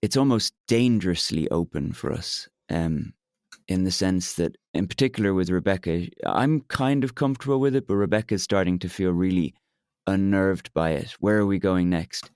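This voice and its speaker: A young Irishman co-hosting a therapy podcast, speaking as the client, talks candidly with frequent pauses, fillers and restarts. His deep, darkish voice is slightly hoarse from shouting, captured in clean studio quality with no room sound.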